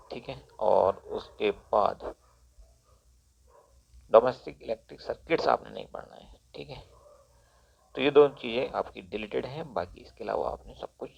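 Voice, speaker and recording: A man's voice: fairly low pitch, gravelly. A man, a teacher walking students through a syllabus and steadily repeating section numbers. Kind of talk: syllabus walkthrough lesson. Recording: dull lo-fi recording.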